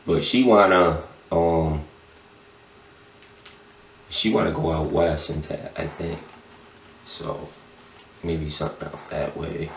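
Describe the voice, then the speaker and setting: A man's voice: rumbling low, fairly even intonation, slow pace, creaky, long pauses, a little hiss or hum. A middle-aged man chatting casually as a podcast guest in a laid-back, slangy stoner drawl. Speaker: podcast guest, tattoo shop owner. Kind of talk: casual chat. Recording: roomy echo, distant mic.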